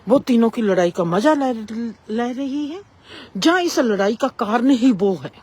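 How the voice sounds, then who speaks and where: A woman telling a reflective spiritual story in a slow, measured way with long pauses. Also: on the high side, expressive, a little mellow, breathy edge.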